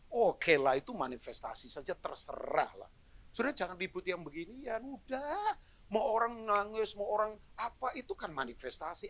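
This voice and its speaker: A middle-aged man preaching a live sermon as pastor to a church congregation, animated and joking, dropping to low asides then rising to loud exclamations. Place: church hall, in front of a congregation.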